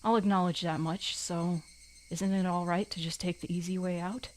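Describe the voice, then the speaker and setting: Anime boy voice by a female performer: lower-pitched, tormented teen protagonist of a visual novel, dramatic narration. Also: steady tone, normal speed, darkish tone, lightly acted. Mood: anguished, brooding.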